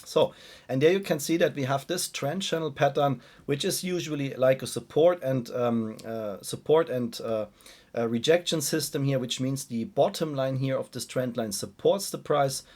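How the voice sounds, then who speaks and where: A man hosting an informal market commentary speaks at a medium pitch. His voice is on the weak side. He repeats his phrases and keeps addressing the listeners directly. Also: normal speed, darkish tone. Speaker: host of a stock analysis video channel. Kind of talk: informal chart commentary to viewers.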